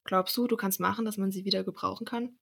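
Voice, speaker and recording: A young woman reading a storybook aloud, voicing a kind, motherly gnome wife who gently scolds her children. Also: medium pitch, steady tone, quick pace, gravelly, husky. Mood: grateful.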